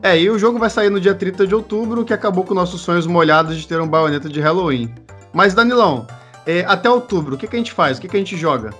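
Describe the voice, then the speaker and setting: A man's voice: sits high, fast, a bit bright, soft background music. A man with a Brazilian Portuguese accent co-hosting a casual podcast in an informal, teasing way. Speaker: podcast co-host.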